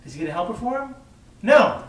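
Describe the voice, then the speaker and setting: A man, a rabbi, giving an informal classroom lecture, lively and conversational, joking with and quizzing his listeners. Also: extremely high pitch, a little fast. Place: classroom or study hall. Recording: echoey room, mic far off, faint background hiss.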